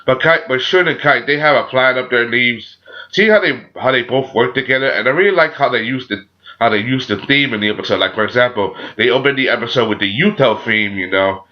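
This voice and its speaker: A man with a sore throat gives a casual, unscripted review as a channel host, halting and often repeating himself with frequent filler phrases. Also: medium pitch. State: sore throat, a little sick. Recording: dull, muffled lo-fi audio.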